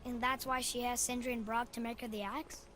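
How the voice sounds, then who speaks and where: A man's voice: very high voice, little pitch movement, fairly quick, bright, forceful tone, slight background noise. A young male actor playing a curious, earnest boy, a warrior's son, in a video game, eager and questioning. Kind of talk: cinematic video game acting.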